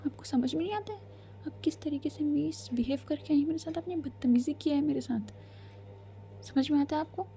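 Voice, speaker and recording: A woman's voice: medium pitch, steady tone, moderate pace, mellow, close to an everyday voice. A woman playing a tearful, timid college girl. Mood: indignant.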